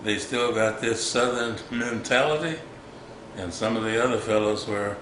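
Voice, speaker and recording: An elderly man, a war veteran, recalling his service in an interview in a halting, reflective way with formal wording. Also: mid-range voice, a bit bright. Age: 80s or older. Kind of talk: old veteran remembering, unscripted interview recollection. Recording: echoey room with background noise.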